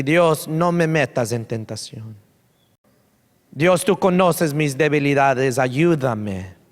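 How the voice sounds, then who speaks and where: A man serving as pastor, leading a congregation in fervent altar prayer. He, switches languages mid-prayer, and repeats pleading phrases. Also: on the high side. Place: large church sanctuary. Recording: long church-hall reverb.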